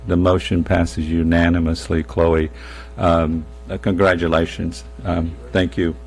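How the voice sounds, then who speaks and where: A man chairing a public meeting in formal procedural language, with a halting delivery. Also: low-pitched, little pitch movement. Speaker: commission chair. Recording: faint hum and noise.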